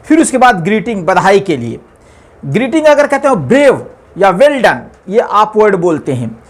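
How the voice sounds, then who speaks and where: A man's voice: high voice, sing-song, normal speed. A man teaching an English grammar lesson, explaining patiently with many repetitions and fillers.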